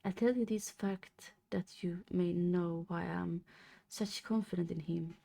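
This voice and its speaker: Slow, gravelly woman reading aloud. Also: on the low side, steady tone, mellow. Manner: halting reading, stumbles and restarts on words. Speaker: streamer reading a novel aloud. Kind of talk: live-stream reading aloud of a classic novel.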